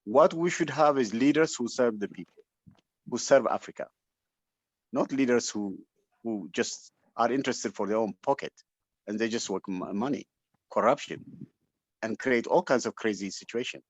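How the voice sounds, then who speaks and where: A man with an Ethiopian accent and a mid-range voice gives an impassioned, unscripted motivational talk as a webinar speaker at a moderate pace, with long pauses. He is emphatic and exhortative, often repeating himself for weight. The online call microphone yields dull, lo-fi audio with no room sound.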